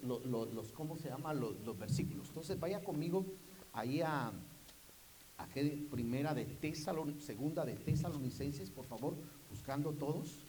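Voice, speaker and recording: A man preaching a sermon, urging his listeners with repeated calls to look and listen, swinging from soft asides to loud emphatic bursts. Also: a little high, poor audio. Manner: urges listeners with repeated "mire, mire" and "¿estamos?". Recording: faint hiss.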